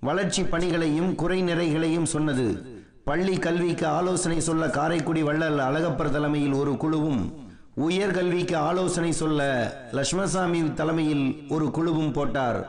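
Higher-pitched man narrating political history. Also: fairly even intonation, normal speed, reverberant.

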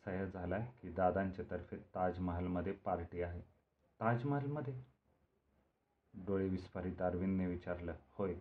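A man's voice: sits low, fairly quick. A man in his sixties or older performing a spoken storytelling piece, narrating and voicing each character, his voice lifting for the quoted lines. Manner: lively dialogue voices, rising for quoted characters. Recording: tinny lo-fi archival recording, faint hiss.

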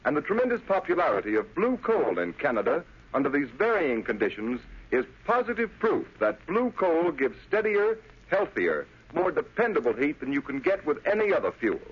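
A dull vintage radio recording of an American male announcer. His voice is fairly high and very animated, delivering a formal, emphatic sales pitch in 1930s style. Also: moderate pace, husky. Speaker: radio announcer reading a sponsor's ad.

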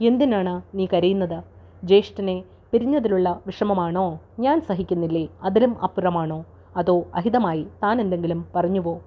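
A woman voicing a gentle noble queen in a calm, measured storybook reading, on a dull lo-fi recording. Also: on the low side, close to an everyday voice. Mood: concerned.

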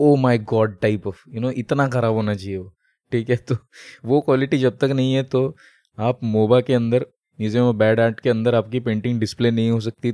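A man's voice: medium pitch, mellow, no room sound, clean studio sound. A man co-hosting a casual podcast, explaining at length with many fillers and English phrases mixed in. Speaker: podcast co-host. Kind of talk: casual chat.

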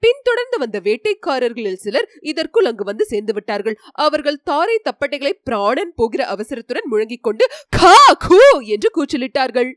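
A woman reads a storybook aloud in an even, clear, and steady way, fairly quickly and with hardly any pauses. Her voice is on the higher side, and the recording is dry and close, with no room echo.

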